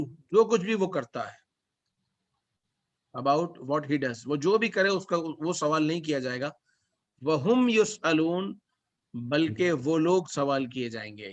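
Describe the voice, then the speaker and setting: A man teaching Quranic Arabic as a class lesson, reciting verses slowly and then explaining them word by word. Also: a little high, fairly bright tone. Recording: dull lo-fi recording.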